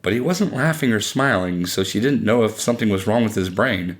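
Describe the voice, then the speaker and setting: Male audiobook narrator, lowish voice, steady measured storytelling.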